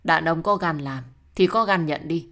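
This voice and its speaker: A woman's voice: sits low, normal speed, fairly bright tone. Stern weary old father, as a woman reads him. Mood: angry. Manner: gruff, scolding.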